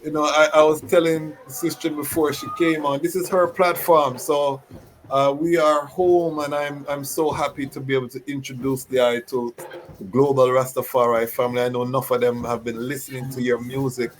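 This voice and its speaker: A man's voice: mid-range voice, little pitch movement, normal speed, slight background noise, low-quality recording. A man hosting a talk show, introducing his guest with formal, ceremonial phrasing and frequent fillers. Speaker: host.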